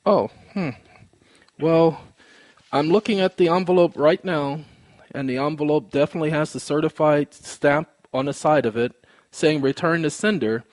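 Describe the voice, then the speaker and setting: Presenting a recording of his own phone call, this caller explains a complaint in precise terms, formal and polite yet insistent. His voice is fairly high with a darkish tone, at a moderate pace, and there is no room sound.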